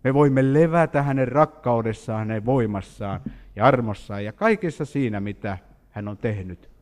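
Man preaching, animated storytelling, lively up-and-down voice, echoing hall. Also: medium pitch. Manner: animated storytelling with questions to the congregation. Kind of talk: sermon. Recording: hall reverb.

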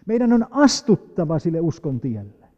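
A man preaching a sermon, reading scripture slowly and rising into emphatic, loud appeals. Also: fairly high pitch, sing-song. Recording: dull lo-fi recording with long hall reverb.

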